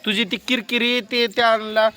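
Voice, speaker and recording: A man's voice: very high voice, level tone, moderate pace, bright, forceful tone. A man filming a vlog who keeps pressing questions and scolds in a casual family chat. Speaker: vlogger.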